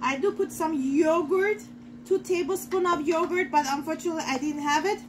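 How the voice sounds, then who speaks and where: A woman's voice: very high-pitched, normal speed, background noise. A middle-aged woman giving a casual cooking demonstration in her home kitchen, chatting to viewers as she works. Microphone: fixed camera in front of the counter.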